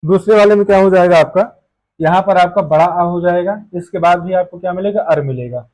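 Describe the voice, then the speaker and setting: Man, high voice, grammar teacher, step-by-step explaining, asks then answers himself. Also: fairly quick, darkish tone, low-quality recording. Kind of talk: online grammar lesson.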